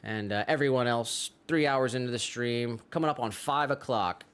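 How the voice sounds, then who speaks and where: Male stream co-host, mid-pitched, smooth clean tone, relaxed shout-out patter. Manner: easygoing, chatty, drawn-out fillers. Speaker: livestream co-host. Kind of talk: casual chat and chat shout-outs. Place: pottery studio.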